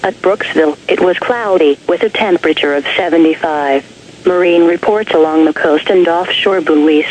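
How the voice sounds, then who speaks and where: A synthetic female announcer reads weather observations over radio with faint noise. Her voice is formal and impersonal, listing figures item by item in an automated way. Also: on the low side. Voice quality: synthetic text-to-speech voice. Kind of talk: scripted weather observation report. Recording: noisy weather radio broadcast.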